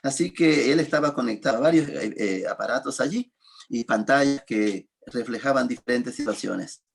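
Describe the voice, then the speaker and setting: Soft-paced man telling a sermon story. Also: medium pitch, vocal fry, breathy edge. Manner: measured, pausing storyteller. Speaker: pastor.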